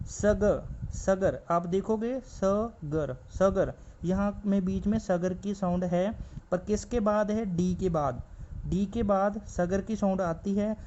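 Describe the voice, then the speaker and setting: A man's voice: sits high, warm tone. A man teaching a stenography class, explaining shorthand strokes as he writes and repeating each word several times. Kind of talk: shorthand lesson, explaining while writing. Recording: slightly dull lo-fi recording with faint background noise.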